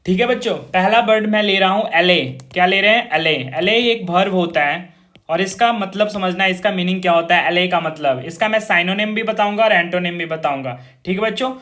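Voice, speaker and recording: A man's voice: sits high, a little fast, fairly bright tone. A man teaching a vocabulary class, repeating words in call-and-response drills and talking to his students as children. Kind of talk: informal online classroom lesson.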